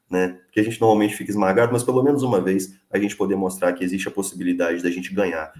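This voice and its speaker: A young man with a cold speaks in earnest, plain-spoken phrases full of small fillers. His voice sits very low. The room around him is echoey. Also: a little mellow. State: sick with a cold, coughing. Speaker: delivery worker organizer, guest. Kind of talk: casual live interview.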